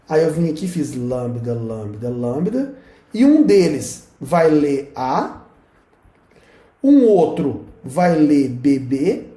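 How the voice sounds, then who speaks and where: This recorded classroom lecture, full of room echo, features a Brazilian-accented professor whose voice sits fairly high with a warm tone. Standing at the whiteboard, he cracks jokes and points while explaining the material.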